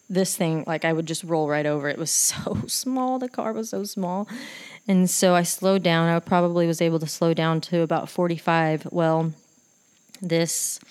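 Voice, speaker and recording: Lady telling her story, lowish voice, gets real animated, lots of um's and like's. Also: clear, resonant tone. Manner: animated retelling, acts out quoted voices, many fillers. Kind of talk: personal storytelling.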